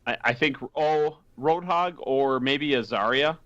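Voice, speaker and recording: A man's voice: medium pitch, a little slow, fairly bright tone, dry recording, muffled recording. A man co-hosting a gaming podcast, talking casually with lots of fillers and easy laughs. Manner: chatty, laughs often, many fillers. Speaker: podcast co-host.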